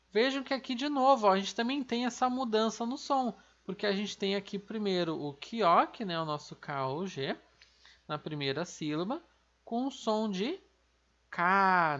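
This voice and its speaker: A language teacher with a Brazilian Portuguese accent, giving an online lesson, patiently repeating each word slowly and often checking in with tag questions. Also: mid-range voice, fairly bright tone, dull audio.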